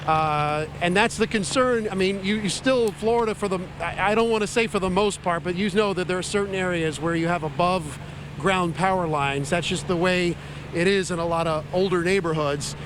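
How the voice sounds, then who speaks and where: A man's voice: high-pitched, normal speed. A man reporting live from outdoors in a storm, raising his voice over the wind in an unscripted account. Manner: raised voice over strong wind. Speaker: field reporter. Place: outdoors on a residential street in a storm. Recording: loud hurricane wind noise outdoors. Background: howling wind.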